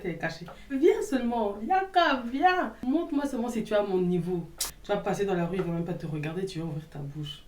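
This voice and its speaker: A woman's voice: medium pitch, darkish tone, far from the mic. A young woman talks casually and sassily to her viewers, answering hater comments in an outspoken way. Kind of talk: casual vlog chat. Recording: roomy echo, a little off-mic.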